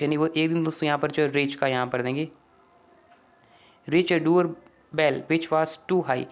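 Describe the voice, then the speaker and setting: A man walking students through an exam paper, asking rhetorical questions and reading English sentences out slowly. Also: a little high, lo-fi sound. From Rajasthan, India. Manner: keeps asking the class rhetorical questions, calls them friends. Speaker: teacher. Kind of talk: exam paper walkthrough lesson.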